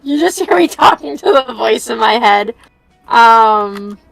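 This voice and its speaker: A woman with a fairly high voice talks casually on a stream. She is scattered and giggly, half talking to herself. The sound is dry, with faint music behind her. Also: animated, a little slow, gravelly, no room sound, rough recording. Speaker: streamer playing and voicing a game with friends. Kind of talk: casual chat.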